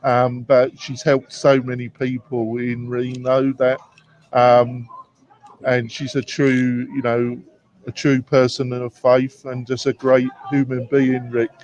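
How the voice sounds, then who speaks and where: A man's voice: mid-range voice, completely flat delivery, slow pace, a little mellow. A man co-hosting a live online show, speaking earnestly and praising others. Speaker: co-host. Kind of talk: casual live-stream chat. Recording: dull lo-fi stream audio.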